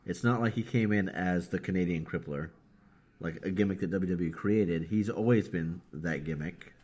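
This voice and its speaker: A man's voice: low-pitched, normal speed, a little mellow, breathy edge. A man co-hosting a casual wrestling podcast, rambling through his points and laughing at himself. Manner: rambling, laughs easily, self-mocking. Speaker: podcast co-host. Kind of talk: casual chat.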